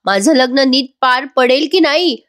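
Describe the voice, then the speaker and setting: A woman's voice: high-pitched, normal speed, fairly bright tone, pitched above the performer's own voice. Angry spoiled bride, young, demanding, scolding, voiced by a woman.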